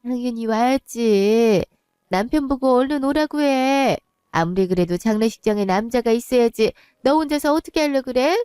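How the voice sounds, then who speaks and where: A woman voicing a fussy, sympathetic older woman relative who speaks slowly and in a drawn-out, clucking way in a one-voice audio drama. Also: fairly high pitch, mellow, clean tone, no room sound, studio quality, close to an everyday voice. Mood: fussing.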